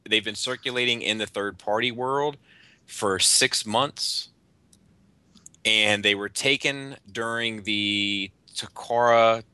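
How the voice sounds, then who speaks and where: A podcast host with a fairly low but pushed, bright and clean voice, recorded with no room sound, leads a casual panel discussion. The group chats about toy and hobby news, and he swears freely.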